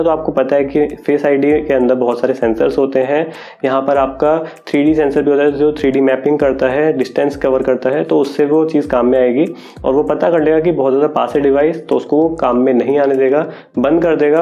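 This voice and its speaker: A young man with a chatty, relaxed manner, casually explaining phone features in a vlog and thinking aloud as he goes. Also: mid-range voice. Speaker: tech YouTuber. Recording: dull lo-fi audio.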